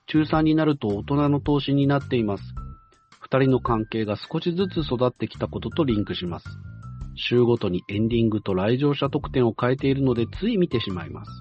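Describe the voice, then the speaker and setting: Man reading a letter, muffled. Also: medium pitch. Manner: measured reading with frequent hesitant fillers. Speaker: radio-style show host. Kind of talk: reading a listener's letter aloud with side comments. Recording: muffled lo-fi recording, faint music.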